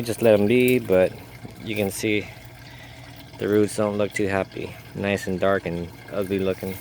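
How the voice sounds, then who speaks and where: Male gardener, low flat delivery, rambling garden-tour vlog recorded outdoors with faint background noise. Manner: rambling, with frequent fillers and self-corrections. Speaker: home gardener. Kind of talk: casual garden walk-through.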